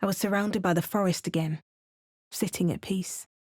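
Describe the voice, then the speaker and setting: A woman voicing a fantasy heroine narrating her memories in the first person, in a quiet storytelling delivery. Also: lowish voice, steady tone, moderate pace, dry recording, studio quality, close to an everyday voice. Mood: reflective. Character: heroine recalling visions and memories. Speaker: player character narrating memories.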